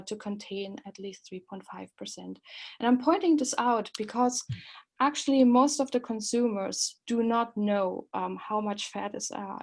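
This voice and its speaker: A woman's voice: mid-range voice, creaky. A woman in her forties from East Germany with a German accent, an associate professor presenting a webinar, earnest and full of ums and uhs. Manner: many um and uh fillers, friendly and earnest.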